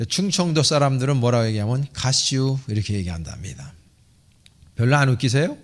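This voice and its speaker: A middle-aged man preaching a sermon as a church pastor. He opens with a few dry jokes and later reads a quoted passage slowly and solemnly. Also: medium pitch, animated. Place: church sanctuary.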